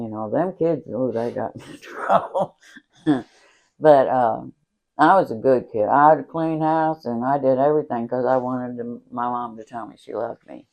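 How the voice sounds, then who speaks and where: A woman's voice: very deep voice, a little mellow. An older woman tells family stories in casual chat. She laughs often and acts out the voices of the people in her stories. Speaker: interviewee, mother.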